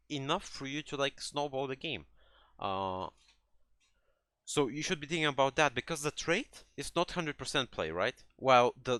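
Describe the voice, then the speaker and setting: A gaming coach walks a player through a game replay, his mid-range voice pushed and bright on a dry recording. He explains conversationally, often restarting phrases hesitantly and checking he's being followed with "right?"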